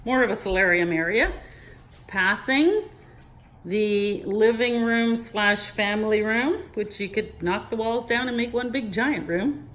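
A woman's voice: medium pitch, unhurried, a bit bright. A real estate agent walking through a large house, chatting as she points out rooms and getting a little out of breath. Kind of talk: walking house tour narration.

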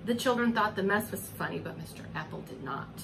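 At a fairly quick pace and with lively intonation, a woman in her forties reads a children's story as a preschool teacher, at a medium pitch. She's highly expressive, drawing words out and posing coaxing questions to the little ones. The home recording is distinctly noisy.

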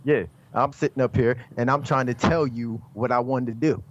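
A man's voice: medium pitch, steady tone, normal speed, lo-fi sound, noisy background. A man speaking as a podcast guest in casual banter, teasing, insistent and steering talk back to himself. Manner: teasing, insistent, self-centered.

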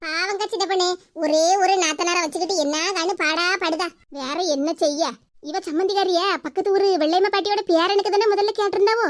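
A shrill, piping village gossip from a cartoon, with a Tirunelveli Tamil lilt. She mocks and teases in a sing-song way, and her voice sits very high. She is sharp-tongued and scheming. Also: brisk. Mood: gossipy. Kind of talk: cartoon voice acting.

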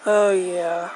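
Slow, musing woman commenting on retro games. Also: on the low side, rough recording. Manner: slow, musing, with throat clearing. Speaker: retro game video host. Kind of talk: casual commentary on old game footage.

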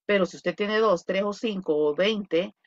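Slow-speaking woman teaching English. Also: medium pitch, muffled recording. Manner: patient, drills pronunciation and coaxes answers from students. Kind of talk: online English lesson in Spanish. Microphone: video call.

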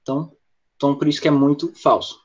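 A man's voice: fairly high pitch, flat delivery, fast. A man with a Brazilian Portuguese accent teaching English in an online class, explaining points and answering students from the chat. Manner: explanatory, talks with students by name and reads the chat. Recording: lo-fi dull audio.

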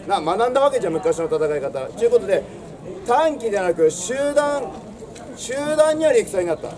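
A man's voice: high voice, big pitch swings, brisk, far from the mic. A young man giving a theatrical history lesson outdoors in old samurai speech, projecting in a swaggering, declamatory storyteller's manner. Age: young adult. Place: outdoors in front of a castle stone wall. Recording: outdoor recording with crowd, birds and traffic.

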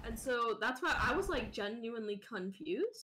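Rambling, animated young woman streamer. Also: on the high side, moderate pace, background noise. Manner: rambling with many "like" fillers. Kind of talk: casual gaming chat.

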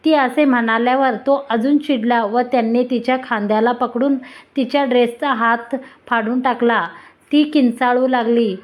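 A woman's voice: a little high, fairly even intonation, moderate pace. Woman reading a love story aloud.

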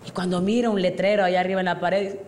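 A Bolivian woman performing an animated stand-up comedy routine, acting out drunk characters with big voice swings. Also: on the low side, quick pace. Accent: Bolivian Spanish. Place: comedy stage before a live audience.

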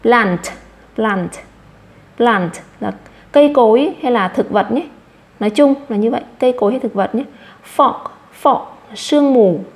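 A woman with a Vietnamese accent teaching English vocabulary to children. She repeats each English word slowly, then explains it. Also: on the high side.

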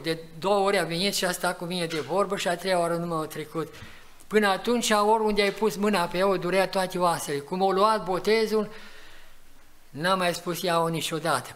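A man in his eighties preaching a farewell sermon in a church, telling stories of his faith and rising to loud exhortation, sweating as he speaks. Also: high-pitched. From Romania. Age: 80s. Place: church hall. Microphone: live church recording.

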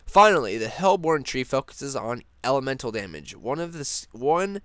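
A young man hosting a casual gaming news vlog, rambling excitedly with lots of fillers and restarts. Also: medium pitch, moderate pace, smooth, no room sound, studio quality. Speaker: gaming channel host.

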